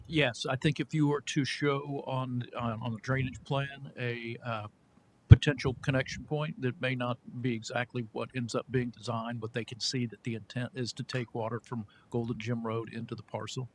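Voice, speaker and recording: A man chairing a city committee meeting, calling on departments in brisk procedural turns. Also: medium pitch, flat delivery, slight background noise. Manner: brisk procedural roll calls.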